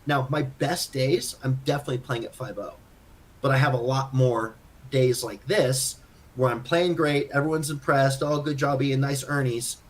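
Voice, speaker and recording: A man's voice: mid-range voice, moderate pace. A man co-hosting a podcast, chatting casually and thinking aloud about his own game, self-critical and full of restarts. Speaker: podcast co-host. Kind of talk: casual chat.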